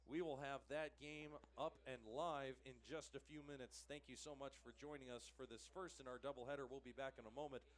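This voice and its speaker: A young man announcing a high school basketball broadcast from a school gym, delivering polished sign-offs and score recaps with occasional self-corrections. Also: fairly even intonation, a little fast, few pauses. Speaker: play-by-play announcer. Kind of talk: local sports broadcast commentary. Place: school gymnasium broadcast table.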